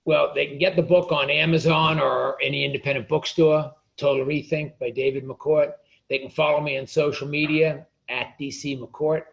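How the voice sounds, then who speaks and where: A man's voice: fairly high pitch, flat delivery, moderate pace, vocal fry, lo-fi sound. A male author, a guest on an interview podcast, speaking passionately and often repeating words as he argues. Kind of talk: casual interview chat.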